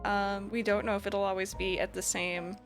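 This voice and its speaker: A woman of middling pitch co-hosting a relaxed livestream podcast. She laughs easily and fills her speech with ums and likes. Soft music runs faintly underneath. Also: moderate pace. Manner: giggly, many ums and likes. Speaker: co-host streamer. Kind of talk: casual stream chat.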